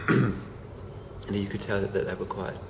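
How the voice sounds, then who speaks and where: Sounding sick, a young man with a low, croaky, gravelly voice stumbles through a casual to-camera vlog, full of hesitations, fillers, and restarts. His home recording carries a constant hiss.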